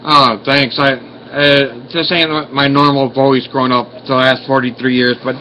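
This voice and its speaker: A man's voice: mid-range voice, level tone, measured pace, bright, forceful tone, slight background noise. A man, talking with a slight lisp after oral surgery. He rambles apologetically with many fillers and restarts, first as a casual vlog and then on a phone call. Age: 40s. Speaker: vlogger.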